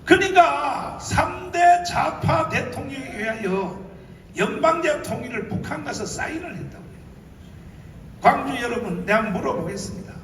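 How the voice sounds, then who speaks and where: A man with a very high, lively voice delivers a fiery rally speech, firing rhetorical questions at the crowd. He is heard from far off through a public address system. The big hall rings with a long echo and steady noise. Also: normal speed. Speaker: pastor addressing a political rally. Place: large convention hall. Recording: echoey hall from far off, noisy.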